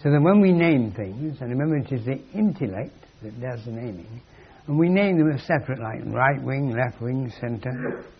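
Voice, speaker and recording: Husky man giving a wry lecture. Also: medium pitch. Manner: wry, emphatic, acts out quoted voices. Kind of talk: philosophical lecture. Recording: dull lo-fi recording.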